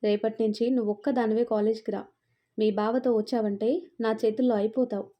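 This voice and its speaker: A woman's voice: a little high, little pitch movement, fairly quick, mellow, lightly acted. A woman reading the part of a domineering, possessive young man who scolds and threatens. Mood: menacing. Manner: commanding, scolding.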